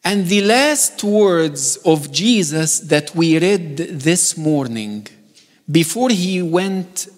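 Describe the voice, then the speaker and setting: Male guest preacher, high voice, playful asides that rise to urgent calls, church reverb. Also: lively intonation, drawn-out words. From Egypt. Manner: joking, building to emphatic urgent calls. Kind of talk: sermon. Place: church sanctuary.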